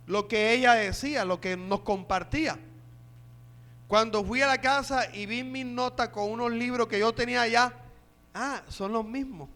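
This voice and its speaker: A man's voice: extremely high pitch, pushed and bright. A male pastor with a Colombian accent preaching a sermon, telling a personal story and rising to fervent exhortation. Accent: Colombian Spanish.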